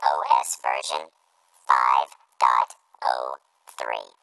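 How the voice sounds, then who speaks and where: A man voicing a small, cute factory robot with a metallic, sing-song voice, speaking slowly word by word. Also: extremely low pitch, fairly even intonation, sharp tone, dry recording, voice pushed down, heavily acted. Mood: flat. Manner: slow, halting, word by word.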